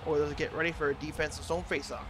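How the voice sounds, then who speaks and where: This man's voice is a little high and level in tone, and he moves fast over music. He's imitating an announcer, amateur-style, giving choppy hockey play-by-play, and the audio carries obvious ambient noise.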